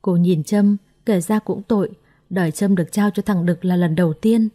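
A woman narrating a story in a steady, expressive way. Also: on the low side, moderate pace. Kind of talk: scripted narration.

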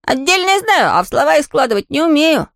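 A narrator voicing a cheeky, lazy little boy in a storybook reading, coaxing and flattering. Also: a little fast, gravelly, no echo, studio quality, heavily acted. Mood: pleading. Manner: coaxing, flattering, high and boyish.

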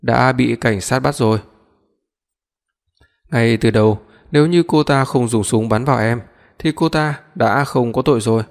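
A man's voice: medium pitch, normal speed, creaky, close to an everyday voice. A man doing a cocky, teasing young man. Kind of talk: audiobook reading. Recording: long reverb.

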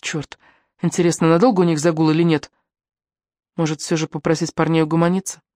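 A woman's voice: low voice, level tone, brisk, warm tone, no echo, clean studio sound, natural voice. A woman voicing the anxious inner thoughts of the heroine in an audiobook, urging herself on.

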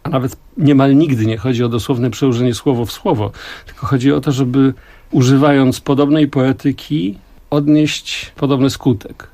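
Older man speaking in slow reflective tones. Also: medium pitch, steady tone, warm tone. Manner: reflective, measured, with frequent pauses. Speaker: song translator and musician, guest. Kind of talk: radio interview. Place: radio studio.

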